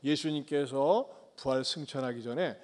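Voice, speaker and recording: A man preaching a sermon as pastor, tossing rhetorical questions at the congregation and swinging between loud calls and soft low asides. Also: normal speed. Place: church sanctuary. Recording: long church hall reverb.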